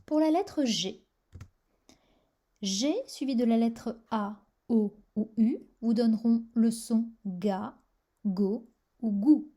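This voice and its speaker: Slow, mellow-voiced woman teaching pronunciation. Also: fairly high pitch. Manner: slow, careful pronunciation drills. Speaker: language teacher. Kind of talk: scripted language lesson.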